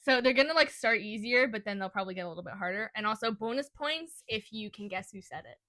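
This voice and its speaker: A young woman co-hosting a casual podcast chat, chatty and giggly with quick asides. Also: medium pitch, expressive, bright, forceful tone. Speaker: podcast co-host. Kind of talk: casual chat between friends.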